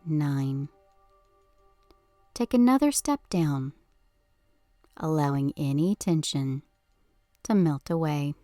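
A woman leading a guided hypnosis session with a slow, soothing countdown delivery, soft and breathy at phrase ends. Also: deep voice, animated, no echo, soft background music. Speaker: hypnosis podcast host.

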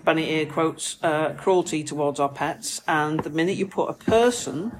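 A woman co-hosting a casual podcast chat as a therapist, explaining things in a measured way with dry humour. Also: low-pitched, animated, background noise. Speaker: therapist co-host. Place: festively decorated room with background music.

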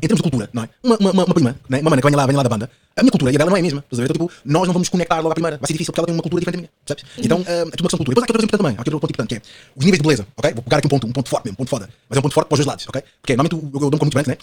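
A man's voice: on the high side, animated, rapid-fire, a little mellow. A man in his twenties with a European Portuguese accent, a podcast guest chatting casually in slangy, rambling talk full of fillers and tag questions. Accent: European Portuguese, Lisbon slang. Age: 20s.

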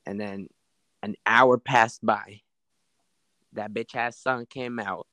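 A man's voice: lowish voice, steady tone, slow pace, pushed and bright, no room sound, low-quality recording. A man in casual chat with a friend, laid-back and slangy, laughing often.

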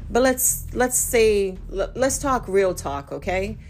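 A Brazilian woman in her forties, a native Portuguese speaker, hosting a casual solo podcast in a chatty, animated way that often corrects itself. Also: mid-range voice, slow, slight background noise. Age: 40s. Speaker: podcast host.

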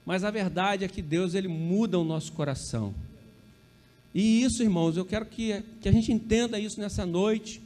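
Brazilian pastor guy, high voice, chatty sermon, jokes at himself. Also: moderate pace, a little mellow. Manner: conversational, peppered with tag questions to the congregation; self-correcting, joking asides.

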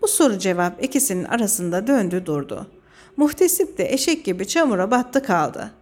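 A woman reads a religious lesson aloud, measured and earnest as she explains each verse to listeners. Her voice sits at a middle pitch. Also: big pitch swings, a little mellow. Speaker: radio presenter explaining a classic poem. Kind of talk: religious lesson, read from a script.

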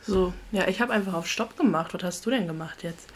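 A woman in her twenties co-hosting a podcast in casual chat, playful and teasing, quick to laugh. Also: fairly low pitch. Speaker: podcast co-host.

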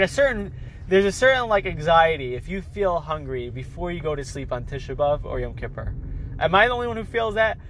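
In this low-quality recording with a little hiss or hum, a man with a fairly high, fairly bright voice chats casually on his own as a podcast host. He has a cold, so he sounds nasal and stuffed up, and he rambles, stumbling and repeating words as he restarts sentences.

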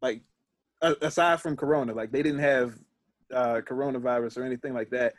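A man co-hosting a podcast in casual chat. He talks in a rambling, halting way. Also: medium pitch, steady tone, dry recording. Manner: rambling, halting, with light laughs. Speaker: podcast co-host.

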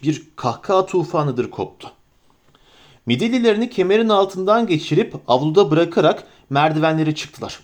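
A man with a notably high voice reads an audiobook. He tells the story at a measured, even pace. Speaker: narrator. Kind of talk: audiobook reading.

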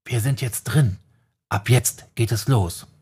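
A man's voice: lowish voice, lively intonation, normal speed, darkish tone. A man voicing a wry young male elementalist mage in an audiobook, joking and explaining. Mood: whispering. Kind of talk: audiobook character voice.

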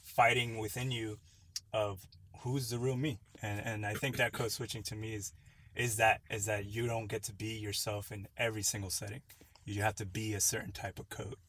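A man's voice: on the low side, flat delivery, moderate pace, a bit bright. A man on a podcast panel, talking casually as he discusses his views.

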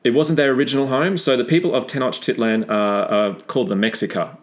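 A man's voice: medium pitch, fast talker. An Australian man guesting on a casual history podcast, agreeable and explaining things in an easygoing way.

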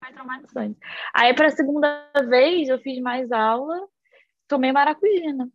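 A woman, co-hosting a podcast in a relaxed, frank, chatty way. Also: high voice, unhurried, dull audio. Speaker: podcast co-host. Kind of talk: casual chat.

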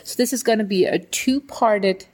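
A woman's voice: mid-range voice, normal speed, darkish tone. A woman hosting a podcast in casual, informal and blunt English. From Czech Republic. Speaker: podcast host.

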